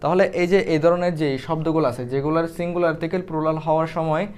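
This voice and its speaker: A man's voice: fairly high pitch, little pitch movement, fast, a little mellow, smooth. A young man teaching Arabic grammar in a casual, explanatory way, thinking aloud with fillers and restarts as he writes.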